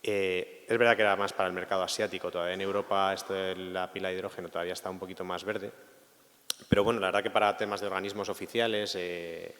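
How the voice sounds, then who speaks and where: A man's voice: deep voice, flat delivery, quick pace, fairly bright tone. A man in his forties, a panelist speaking conversationally, with many fillers and restarts. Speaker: panelist, automotive product manager. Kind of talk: panel discussion answer. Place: university conference hall. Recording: long reverb in a lecture hall.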